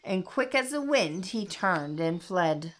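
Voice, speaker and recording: A woman reading a children's story aloud as a storyteller, gentle and expressive. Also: lowish voice, takes it slowly.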